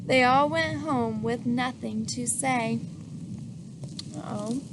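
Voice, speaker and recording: A woman with a high voice reads a picture book aloud to children at an unhurried pace, lively for her young audience. She's animated, asks the listener questions, and acts out the sneezes. Noticeable hiss sits in the background.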